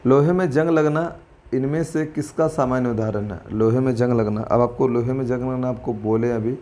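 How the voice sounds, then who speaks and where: Man, teacher, exam-prep lesson, chatty, informal, thinks aloud, self-correcting, mixes in English terms, mid pitch. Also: moderate pace, warm tone. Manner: chatty and informal, addresses viewers as friends and brother. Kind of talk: exam-prep lesson walking through quiz questions.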